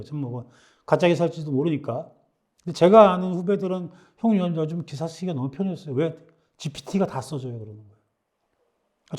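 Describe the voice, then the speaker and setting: Middle-aged guy lecturing, mellow tone, bit high, chatty with lots of restarts. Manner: conversational, acts out quoted dialogue, frequent restarts. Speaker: startup lecturer. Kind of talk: classroom lecture.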